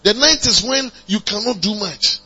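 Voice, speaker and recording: A man preaching a sermon, calling on the congregation to respond and building to emphatic high passages. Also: animated, moderate pace, sharp tone, slightly rough. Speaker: pastor. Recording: dull lo-fi recording with mains hum.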